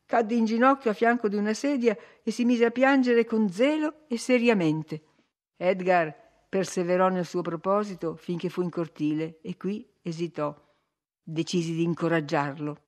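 In a lowish voice, a woman reads a classic novel as an audiobook, narrating in a measured, expressive storytelling way.

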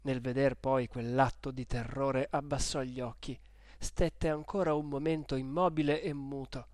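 Guy reading an old novel out loud, steady and expressive, dry close sound. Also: medium pitch, normal speed, no room sound. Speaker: audiobook reader. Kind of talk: scripted literary narration.

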